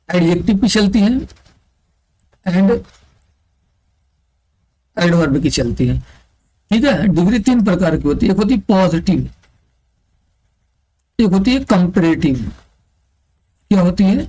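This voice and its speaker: A man with a high-pitched, warm voice teaches an online exam-prep English grammar lesson over poor audio. He explains step by step, asking the class questions, answering them himself, and repeating key terms.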